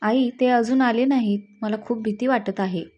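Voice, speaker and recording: A woman's voice: on the high side, normal speed, darkish tone, lightly acted. A woman voicing a tearful young wife who pleads with her husband, in a read-aloud story. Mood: pleading.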